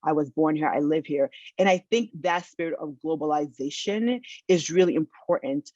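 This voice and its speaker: Dark-toned and low, this American woman's voice moves at a normal speed as she gives a conference keynote from home over video call. She is earnest but relies on many fillers and restarts, and the dull, dry, lo-fi audio carries no room sound.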